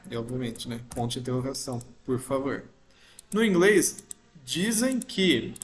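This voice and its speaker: A man's voice: fairly high pitch, a bit bright. A man teaching a grammar lesson, patiently explaining step by step and checking in with his listeners often. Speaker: English teacher. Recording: roomy echo.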